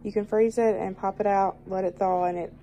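A woman's voice: medium pitch, steady tone, a little fast, warm tone, a little hiss or hum, low-quality recording. A woman with a Southern US accent, chatting casually to camera at her kitchen table and saying y'all often. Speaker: vlogger showing a grocery haul.

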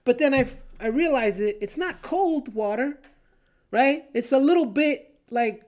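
A man, hosting a podcast and telling a story in a casual, animated way, swearing freely and tagging lines with "right?". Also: very high-pitched, measured pace. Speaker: podcast host.

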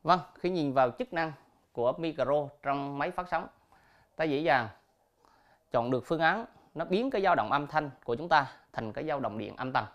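A male teacher reading quiz questions and answer options aloud slowly and clearly, then explaining the answers. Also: medium pitch, fairly bright tone, dull audio. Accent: Vietnamese. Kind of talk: recorded classroom quiz lesson.

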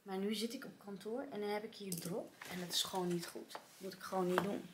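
A woman's voice: medium pitch, brisk. A young woman vlogs casually from her office, talking in a chatty way with plenty of fillers. She sometimes drops to a near whisper. A faint hiss sits behind her voice. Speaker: vlogger. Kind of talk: casual vlog chat and storytime.

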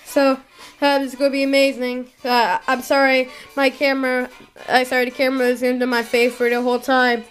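A woman voicing an excitable young turtle prince who rambles and stammers while filming his own vlog. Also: high voice, brisk, lightly acted. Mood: rambling. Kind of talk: comedy toy-show vlog.

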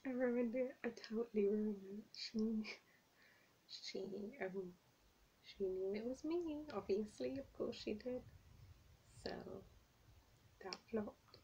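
A woman's voice: a little high, slow, pauses often, mellow, slightly rough, poor audio. A young woman chatting casually in a vlog, self-mocking and flustered. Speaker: vlogger.

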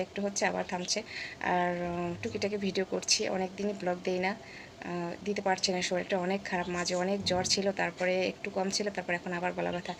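A woman vlogging casually from her home kitchen, speaking softly and slowly because of a sore, hoarse throat. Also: on the low side, background noise. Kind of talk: casual vlog narration.

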